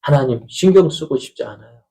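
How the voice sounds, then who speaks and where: A man's voice: fairly high pitch, animated, brisk, dark tone, poor audio. A middle-aged man, a pastor, preaching a conversational Sunday sermon in a church, asking the congregation questions and acting out family quarrels. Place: church sanctuary.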